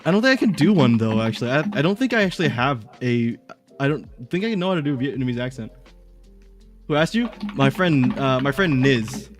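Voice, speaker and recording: A male streamer of middle pitch talks in a loose, rambling way, reacting to his chat. Soft music plays faintly under his voice, with keyboard clicks now and then. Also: very animated, brisk. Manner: rambling, chatty, reads chat aloud. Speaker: livestream host.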